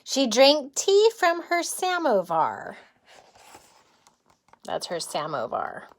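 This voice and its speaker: A kindergarten teacher with a high, slow voice reads a picture book to young children, with slight background noise audible. Her reading is expressive and sprinkled with chuckles, and she asks questions and explains words simply.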